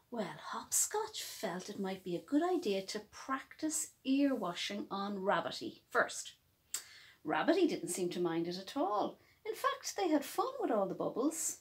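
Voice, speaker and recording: Her voice on the high side, a storyteller reads aloud from a picture book for small children, phrasing it with lots of expression and emphasis.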